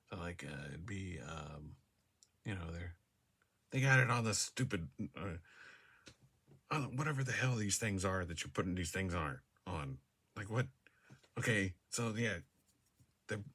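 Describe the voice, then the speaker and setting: A man with a very low but bright, edgy voice talks slowly to his device's camera from a room indoors. He rambles, hesitates and restarts with plenty of fillers. He often laughs at himself as he goes. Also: husky. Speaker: vlogger. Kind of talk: casual monologue to camera. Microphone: device camera mic.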